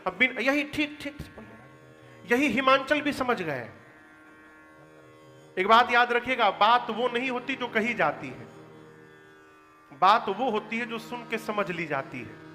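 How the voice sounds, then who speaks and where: Bright-voiced male katha preacher, echoey hall. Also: very high voice, animated, unhurried, long pauses. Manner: quizzes audience, chants verses. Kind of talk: devotional storytelling sermon. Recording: echoey hall, faint music.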